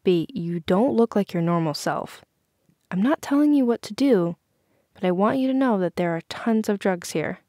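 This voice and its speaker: A woman's voice: mid-range voice, lively intonation, moderate pace, dark tone, no room sound, studio quality, lightly acted. A woman voicing a confident teenage girl who looks out for her friends and talks in a bold, direct, scolding way.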